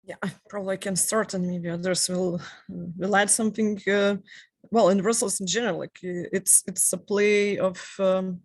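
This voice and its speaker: A woman's voice: mid-range voice, steady tone, normal speed, a little mellow, dry recording. A woman speaking as a panelist, thoughtful and hesitant, with many fillers. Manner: thoughtful, hesitant, occasional light laughs. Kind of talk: panel discussion.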